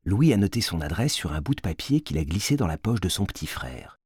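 A man narrating a storybook in an expressive, varied way with a husky voice. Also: low-pitched, fairly quick, no room sound, studio quality.

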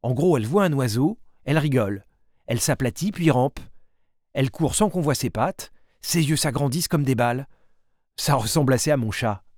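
A man narrating a storybook in a diary voice, with wry, quick asides between slowly read lines. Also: medium pitch, animated, a little mellow, no echo, studio quality.

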